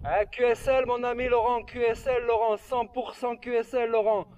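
A man's voice: very high voice, little pitch movement, moderate pace, a little mellow, clean tone. A man working as an amateur radio operator, speaking over a handheld walkie-talkie from a hilltop in a ham radio exchange full of call signs and signal reports. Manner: repeats the other operator's name and "QSL" often. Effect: heard over a handheld walkie-talkie radio link. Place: outdoors on a hilltop. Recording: faint, distant, lo-fi radio transmission.

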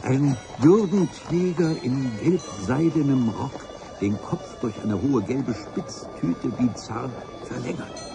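In a dramatic first-person radio play, a male actor narrates as a grandiloquent adventurer, pompously recounting his expedition in ornate, wordy style. His medium-pitched voice is creaky and unhurried, with music playing in the background.

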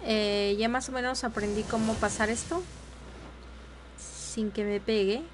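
A woman's voice: on the high side, steady tone, measured pace, noisy background. Exasperated young woman streaming a game. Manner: frustrated, exclamatory, talks to herself and viewers. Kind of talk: live gameplay commentary.

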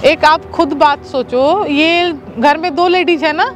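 A young woman with a very high voice hosts a staged street scene, asking questions and scolding firmly. She is recorded outdoors, with faint traffic noise behind her. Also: a little slow. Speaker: host of a street social-experiment show. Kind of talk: scripted street drama.

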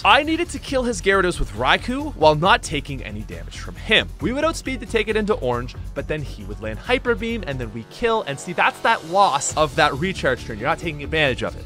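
A young man narrating his gameplay run as a gaming video host, upbeat and chatty over faint music. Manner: upbeat, chatty, lively swings in pitch. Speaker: gaming YouTuber. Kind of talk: energetic game commentary voice-over. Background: faint background music.

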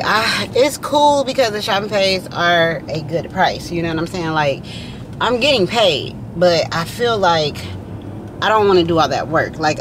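A woman, chatting casually and rambling to viewers while she drives. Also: low voice. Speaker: delivery driver vlogger. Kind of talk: casual chat while driving. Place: inside a car, driving. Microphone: dashboard camera mic. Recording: loud road noise in a moving car. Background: car and road noise.

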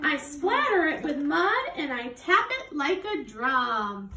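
A woman in her thirties reads a picture book aloud to children like a teacher, urging them to join in. Her voice is high with big pitch swings and a slow pace. It was recorded on a phone a few steps away in a living room, giving roomy echo, distant sound, crowd noise, and other background noise.

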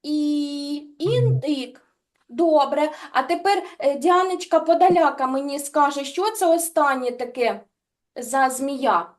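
A woman teaching young children in an online lesson over a video call, drawing out sounds slowly and praising pupils warmly by pet names. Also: sits high, lively intonation. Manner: slow, exaggerated articulation of sounds. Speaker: speech development teacher.

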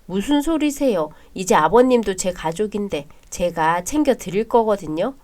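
A polite young bride-to-be speaks softly and kindly and narrates her own story in a radio drama, played by a woman. Her pitch is plain and mid-range. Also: expressive, normal speed, close to an everyday voice. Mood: gentle. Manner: polite and soft-spoken.

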